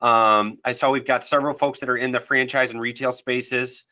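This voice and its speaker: A man presenting a live webinar, his voice nasal and stuffy from allergies. His delivery is casual and friendly, with plenty of ums and small restarts. The tone stays bright and clear. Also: mid-range voice, fairly even intonation. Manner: casual, friendly, halting with fillers.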